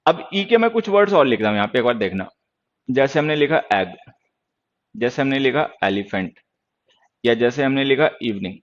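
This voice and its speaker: A man's voice: medium pitch, animated, moderate pace, pauses often, muffled recording. A man teaching English grammar in Hindi during an online class, lecturing sternly and answering viewers' questions.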